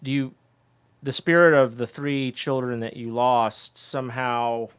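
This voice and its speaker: A man co-hosting a podcast interview, asking long, halting questions full of restarts. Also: medium pitch, fairly even intonation, a bit bright, clean tone. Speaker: podcast co-host. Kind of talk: interview conversation.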